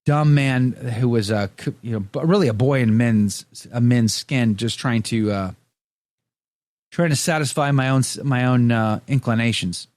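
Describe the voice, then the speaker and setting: A man's voice: medium pitch, moderate pace, a little mellow, no room sound. Man, radio host, casual banter, rambling restarts, dry close mic. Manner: rambling, self-deprecating, frequent restarts and fillers. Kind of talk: casual banter, reading listener comments.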